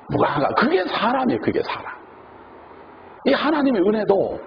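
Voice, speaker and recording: A man's voice: high voice, creaky. A man preaching a sermon as pastor, acting out the words of the people he quotes. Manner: animated, acts out quoted speech. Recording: dull, noisy lo-fi recording.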